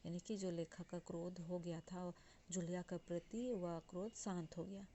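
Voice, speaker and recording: A woman's voice: fairly low pitch, steady tone, normal speed, warm tone, slight background noise. A woman Hindi teacher explaining a textbook chapter, restating the text in simple words with frequent fillers.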